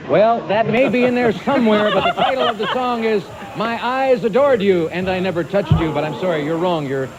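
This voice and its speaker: A man hosting a quiz show, reading clues and calling on players in a brisk, teasing manner. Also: high-pitched, very noisy. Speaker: game show host.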